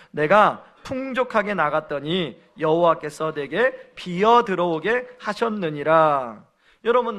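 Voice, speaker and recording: A man's voice: sits high, fairly bright tone. A male pastor preaching a sermon, earnest, acting out quoted lines as he explains the scripture. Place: church sanctuary.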